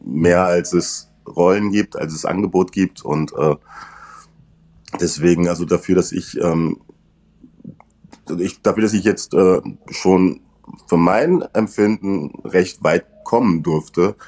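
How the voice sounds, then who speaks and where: A man with a very deep bass voice, chatting thoughtfully and modestly as a guest in a casual interview. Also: a little mellow.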